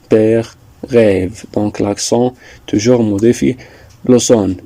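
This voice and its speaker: Man, teacher, slow deliberate explanation, mellow tone, dry sound. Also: mid-range voice, no room sound. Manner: repetitive, deliberate, with hesitations. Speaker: French teacher.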